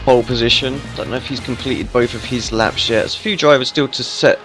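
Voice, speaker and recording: A man's voice: medium pitch, fairly even intonation, fairly quick, music in the background. A hungover man giving casual live commentary on a sim race as a commentator. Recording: clearly noisy, vehicle sounds behind.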